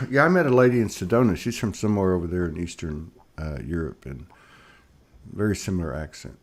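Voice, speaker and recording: A man's voice: sits low, lively intonation, brisk. A man hosting an interview, asking rambling questions in a chatty, joking way. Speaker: host.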